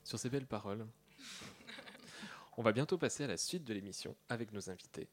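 A man hosting a live talk show, relaxed and amused. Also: on the low side, normal speed. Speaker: show host. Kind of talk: live radio chat.

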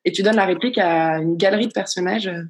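Woman, interviewer, video call, precise and informative, average pitch. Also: quick pace, a little hiss or hum.

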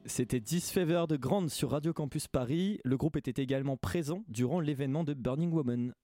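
A man's voice: mid-range voice, brisk, mellow, faint music behind. A man hosting a radio show, presenting casually and hesitantly with many filler sounds. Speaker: radio host.

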